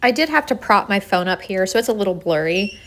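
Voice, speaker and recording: A woman's voice: mid-range voice, lively intonation, a little fast, a bit bright, slight background noise. A woman speaking informally and conversationally, telling the story of her own animal rescue as a vlogger. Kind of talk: casual storytelling to camera.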